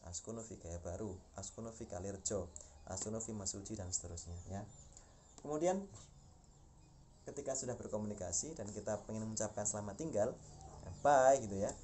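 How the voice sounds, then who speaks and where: A young man with an Indonesian accent leads a relaxed Arabic lesson, his voice low and mellow. He explains patiently, repeats each phrase slowly, and sometimes chants a greeting. A faint noise sits behind him. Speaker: Arabic teacher. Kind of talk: casual spoken lesson.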